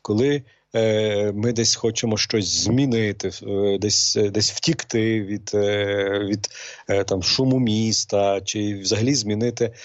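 A middle-aged man, a priest, talking slowly and hesitantly with many pauses and fillers. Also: on the low side, steady tone, no echo, muffled recording. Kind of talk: calm talk show conversation.

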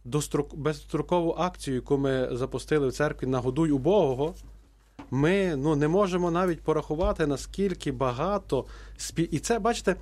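A man's voice: fairly high pitch, brisk, a little mellow. A man, a priest, answering questions on a radio talk show, speaking hesitantly with many fillers and restarts. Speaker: priest guest.

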